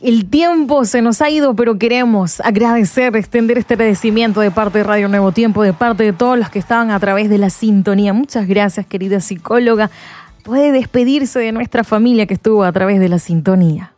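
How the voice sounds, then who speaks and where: A woman's voice: medium pitch, brisk, a little mellow, no echo. A woman radio host closing a segment and praising her guest effusively.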